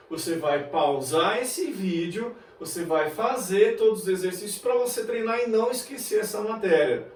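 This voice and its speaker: A man's voice: sits high, a little hiss or hum. A man with a Brazilian Portuguese accent teaching an English grammar lesson, chatty, checking in with his students often through rhetorical questions. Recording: very echoey room, mic far off.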